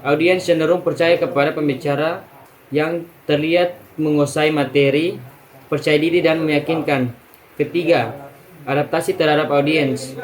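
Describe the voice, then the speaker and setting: A young man, a student, reading a class presentation in a steady, list-by-list way, now and then clearing his throat and restarting a word. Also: a little high, rough recording.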